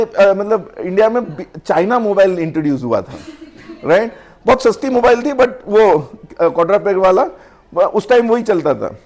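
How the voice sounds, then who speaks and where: A middle-aged man teaching personality development to a class in a lively lecture, mixing Hindi and English and acting out little scenes. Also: high voice. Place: classroom or training hall.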